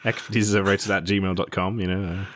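A man co-hosts a podcast in casual chat. His voice sits low, and he riffs loosely with his co-host, laughing between jokes. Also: level tone, quick pace, fairly bright tone. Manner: laughing, riffing banter.

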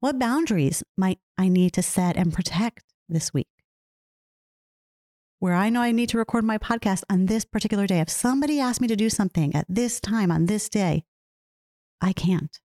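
A woman's voice: mid-range voice, moderate pace, mellow, no room sound, clean studio sound. A woman hosting a solo podcast, talking earnestly and reflectively, often repeating phrases and asking herself questions. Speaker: podcast host.

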